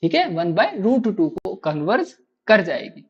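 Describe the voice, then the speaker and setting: A man's voice: high-pitched, big pitch swings, a little slow, husky, dull audio. A man teaching maths in a live online class, quizzing students with constant rhetorical questions and repeating key answers to drill them in.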